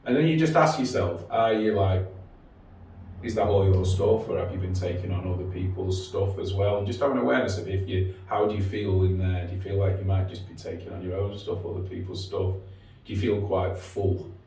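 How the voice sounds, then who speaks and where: Male guide, very deep, calm and casual grounding exercise delivery; strongly reverberant room, faint noise. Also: a little fast, far from the mic.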